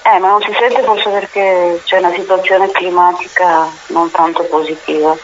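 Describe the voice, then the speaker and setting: A woman's voice: lowish voice, steady tone, normal speed. A woman calling in and heard over a phone on speakerphone, chatting casually in a wry, grumbling way. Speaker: caller. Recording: muffled speakerphone line with faint noise.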